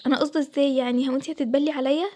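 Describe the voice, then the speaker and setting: A woman's voice: sits high, fairly even intonation, very fast, warm tone, lightly acted. A woman voicing the groom's spiteful young sister, snippy and defensive, with an Egyptian accent. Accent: Egyptian Arabic.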